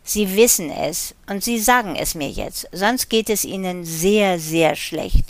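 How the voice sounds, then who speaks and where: A woman voicing a hard, threatening male intruder in an audiobook, with low, clipped threats. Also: unhurried, no room sound, lightly acted.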